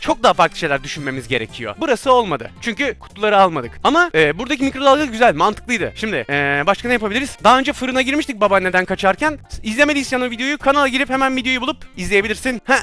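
A very high-pitched man narrating a VR game in a quick, bouncy voice that leaps all over the place. His tone is bright and sharp, and he chatters excitedly to his viewers. Faint music plays underneath. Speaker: gaming YouTuber. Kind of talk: VR gameplay commentary.

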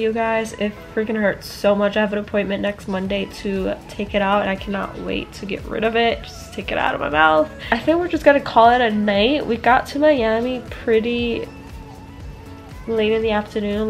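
A woman's voice: mid-range voice, fairly even intonation, normal speed, soft background music. A young woman chatting upbeat to her viewers in a casual travel vlog, filming herself with a handheld camera. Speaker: vlogger. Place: hotel room and beach.

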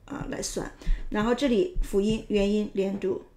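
A woman's voice: mid-range voice, steady tone, normal speed, dark tone. A woman English teacher patiently explaining sentence structure and pronunciation step by step, with frequent filler sounds.

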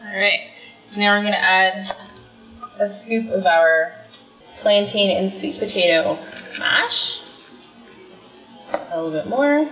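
A woman's voice: mid-range voice, a bit bright. A young woman walks through a home cooking demonstration, chatty and explanatory. The kitchen sounds roomy and echoey, and faint music plays underneath. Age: young adult. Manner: chatty, explaining each step. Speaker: cooking show presenter.

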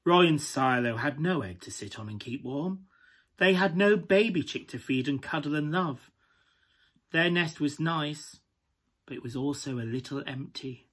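A man performing a glamorous, camp pantomime dame with a British accent and a husky, breathy voice, coaxing listeners through a children's story. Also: fairly high pitch, unhurried, fairly bright tone. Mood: tender, storytelling. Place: small room at home, indoors.

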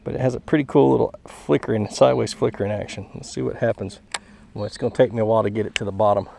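A young man hosting a fishing vlog, explaining his technique in a relaxed way while casting from a pond bank, recorded on a head-mounted camera outdoors. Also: on the low side, very fast, creaky. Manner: relaxed, explaining as he fishes, chuckling. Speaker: fishing channel host. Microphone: head-mounted action camera. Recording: outdoor camera mic with faint background noise.

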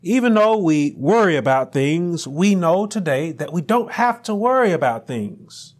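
High-voiced preacher with slow emphatic delivery. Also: male voice, very animated. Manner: rising to near shouts on emphatic lines, slow deliberate phrasing. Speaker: pastor. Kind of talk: sermon. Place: small church room with pulpit, indoors.

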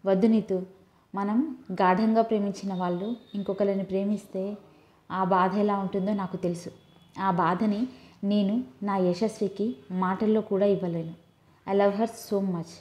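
Brief: woman reader voicing a soft-spoken heartbroken young man, mellow tone, roomy echo. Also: mid-range voice, steady tone, a little slow, natural voice. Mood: lovesick. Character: young man, lovesick and gentle.

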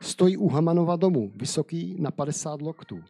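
An ancient palace servant making a remark to the king, read by a man in a mellow, husky voice. The line comes from a scripture story and is read plainly. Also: on the high side, animated, pitched above the performer's own voice. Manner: read aloud with light emphasis.

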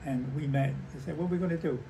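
Gravelly elderly American veteran reminiscing. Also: male voice, a little high, warm tone. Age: 90s. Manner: halting, repeating himself, acting out remembered dialogue. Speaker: war veteran interviewee. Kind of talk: old veteran reminiscing, conversational storytelling. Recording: noisy handheld home recording.

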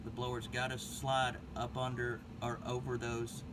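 A man working as an HVAC technician, talking himself through a repair in a relaxed, casual how-to way while he works in an attic. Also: medium pitch, unhurried. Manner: relaxed, talks himself through each step. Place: attic workspace beside a furnace. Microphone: body-mounted action camera. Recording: distant mic with loud background noise.

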